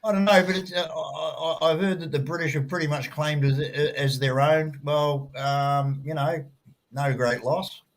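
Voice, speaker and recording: A man chats as a show guest. His voice sits a little high for a man, and he talks in an easygoing, slangy, casual way. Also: fairly even intonation, measured pace. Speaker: guest adjudicator and scorer. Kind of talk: casual chat.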